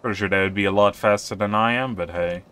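A man's voice: fairly low pitch, fast talker, sharp tone, slight background noise. A man giving casual, offhand commentary while playing a survival video game. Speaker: gaming youtuber.

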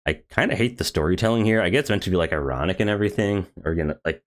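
A man's voice: low-pitched, racing. A man who streams games, reading a game story aloud with sarcastic asides.

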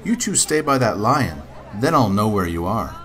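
A man's voice: lowish voice, very animated, fairly bright tone, faint music behind, some chatter behind. A father reading a storybook aloud, voicing a tired, sleepy grandmother in his own voice. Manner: sleepy, unhurried.

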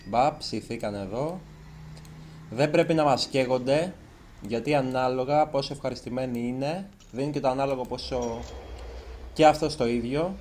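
A nervous man chats his way through a video game in let's play commentary, his voice sitting at an ordinary middle pitch. He is self-conscious and trips over his words now and then. Faint background noise hums under the recording. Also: darkish tone. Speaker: gaming YouTuber.

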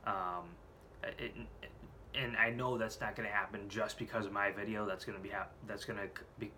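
Here a man in his late twenties records a casual vlog on a desk camera in a small home room. Despite a head cold and scratchy throat, his fairly low voice stays steady and sharp at a moderate pace while he rambles frankly and swears freely.

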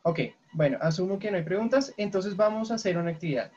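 A woman's voice: medium pitch, fast talker, mellow, husky. A woman teaching an English class over a video call, explaining grammar patiently and checking often for questions. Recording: lo-fi online call audio.

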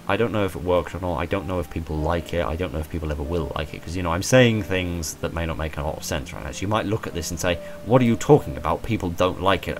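In a small room at home, a man in his twenties with a deep, hoarse voice delivers a rambling personal monologue about his channel. As its creator, he is self-deprecating and stumbles over repeated words.

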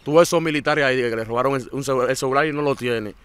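Dominican guy telling his story in an interview, dry close sound, animated, keeps repeating himself. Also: medium pitch, racing, clean tone, no room sound. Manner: animated, repeats words and acts out what others said. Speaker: interview guest. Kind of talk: casual storytelling.

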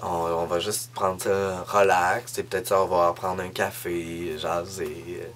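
A young man with a Québécois French accent telling a comic story as a monologue, jumping into high voices when he imitates people. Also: flat delivery, slow pace, fairly bright tone, slight background noise. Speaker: comedic storyteller.

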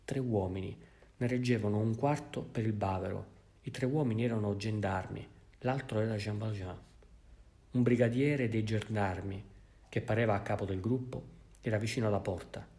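A man with an Italian accent reading a classic novel aloud in measured, even narration. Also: fairly low pitch. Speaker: audiobook reader. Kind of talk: literary audiobook narration.

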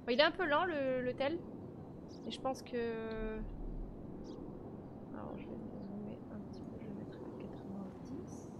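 A woman's voice: fairly high pitch, a little slow, long pauses, muffled recording, very noisy. A woman streamer talking casually and thinking aloud while playing a role-play game.

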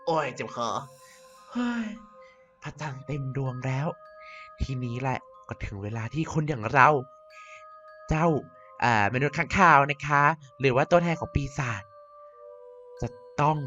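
A woman, a YouTuber narrating and doing all the voices, plays a vain, mischievous female vampire queen in a Minecraft cartoon. Her voice is very deep and a little slow, with frequent pauses and a fairly bright tone, and her theatrical, self-important delivery sounds scheming. The recording is slightly dull, with faint music underneath.

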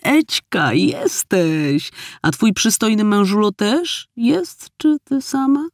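A man reading an audiobook, voicing young red-haired twin sisters who talk calmly and cheekily. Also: sits high, slow pace, no echo, studio quality, pitched above the performer's own voice, heavily acted. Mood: cheeky.

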